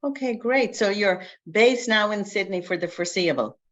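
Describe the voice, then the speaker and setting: A woman's voice: mid-range voice, normal speed. A woman hosting a casual recruitment podcast interview, chatty and upbeat as she asks her guests questions.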